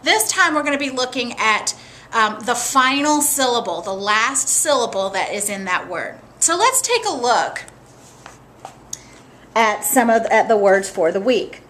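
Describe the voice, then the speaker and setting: Female teacher, slightly high voice, unhurried and patient, for a children's phonics video lesson. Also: very animated, a bit bright, slight background noise. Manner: slow, patient, clearly sounding out letters and words.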